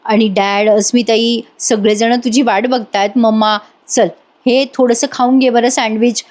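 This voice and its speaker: A woman's voice: fairly high pitch, fairly even intonation, unhurried, darkish tone, lightly acted. A woman voicing a grown man, a caring older brother who coaxes and pleads with affection. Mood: comforting. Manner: coaxing, affectionate, emotional.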